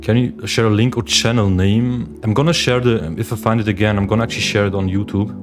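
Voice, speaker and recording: Over meditation music, a young man from Switzerland chats casually with viewers on his livestream, reading their chat questions out loud. He's a day trader and livestream host, speaking fast in a lowish voice with a steady tone.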